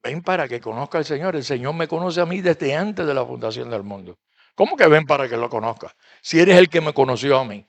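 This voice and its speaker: Man pastor, high voice, conversational sermon. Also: expressive, a little fast. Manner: conversational preaching, reading and explaining verses.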